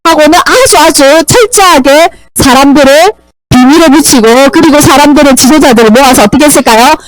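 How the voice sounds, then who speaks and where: A woman's voice: high voice, brisk, low-quality recording. A woman teaching Sunday school, animatedly telling a Bible story and quizzing the children.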